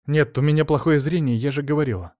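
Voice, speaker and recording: Guy doing a flustered worried lady on the phone, higher voice, rushed and nervous. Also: no echo, studio quality, lightly acted. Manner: excited and flustered. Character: anxious flustered woman talking fast on the phone.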